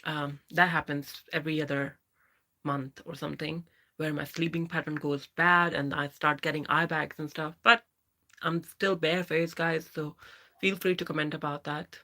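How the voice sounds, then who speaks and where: Reading through comments on her live stream, a Pakistani English–accented woman in her thirties casually answers viewers by name. She speaks at a normal speed in a low-pitched voice that is bright and forceful yet barely moves in pitch.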